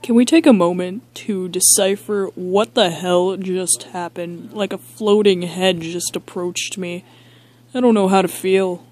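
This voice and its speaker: A girl voicing a boastful, deadpan dad toy who hosts a chaotic talk show in an amateur toy skit. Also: lowish voice, dry recording. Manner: slow, boastful, deadpan rambling. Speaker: talk show host figure.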